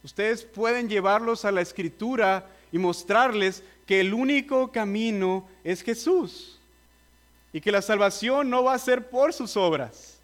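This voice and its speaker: A man's voice: high-pitched, measured pace. A man preaching a sermon, earnestly urging his listeners and admitting he is nervous.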